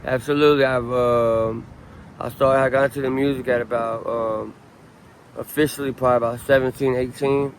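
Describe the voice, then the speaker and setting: Outdoors on a city street, a Southern Californian man in his late thirties chats in a casual street interview at a moderate pace. His pitch stays level while his relaxed, rambling delivery is full of ums and restarts. The rough recording carries faint city noise.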